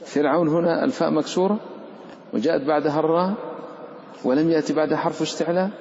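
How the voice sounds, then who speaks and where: Man teaching recitation rules in a live class, chanting verse examples and quizzing students; echoey hall, dull low-fi sound. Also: quick pace. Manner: explains rules, then chants the Quranic examples; lively, questions and teases the students. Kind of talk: live tajweed lesson.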